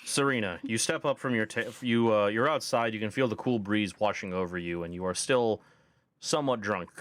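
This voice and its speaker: A man running a tabletop game as game master, joking and relaxed, sometimes stumbling over words. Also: lowish voice, fairly quick, no room sound. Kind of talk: casual game hosting.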